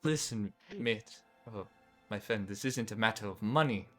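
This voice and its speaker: A man voicing a jaded garage owner in his early forties during a tabletop role-play, gruff and businesslike. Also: fairly low pitch, moderate pace, a bit bright, soft background music, lightly acted. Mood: weary.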